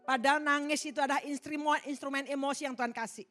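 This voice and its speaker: A woman's voice: high voice, steady tone, fast talker. Emphatic woman preacher, faint music behind. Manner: emphatic, swings from loud exhortation to soft asides. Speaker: pastor. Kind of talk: sermon. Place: large church hall.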